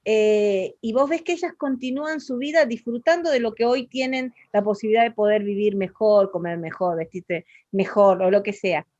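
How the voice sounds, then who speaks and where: A woman's voice: medium pitch, normal speed, few pauses, a little mellow, no echo, highs cut off. An Argentine woman with an Argentine Spanish accent, talking expressively in a casual interview, with many fillers and restarts.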